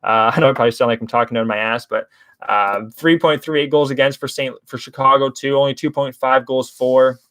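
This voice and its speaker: A man's voice: mid-range voice, fairly even intonation, a little fast, a bit bright, dry recording. A young man hosts a casual hockey betting livestream, rambling through picks and talking to chat viewers. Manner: chatty, rambling, addresses chat viewers as guys. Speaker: sports betting show host.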